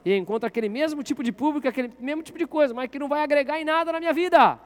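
A male pastor with a very high-pitched voice delivers a sermon in church. He talks with the crowd, asking questions and telling them to turn to the person beside them. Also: racing. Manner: interactive, asks the congregation questions.

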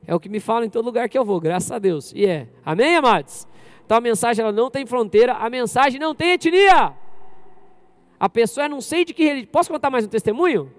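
A man from Brazil preaching a lively sermon to his congregation as pastor, often questioning the crowd directly. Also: very high-pitched, fast. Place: church service.

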